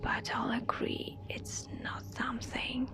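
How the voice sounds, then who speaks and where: Slow, whispering woman reading a scary story. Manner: soft, hushed, deliberate delivery. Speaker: ASMR storyteller.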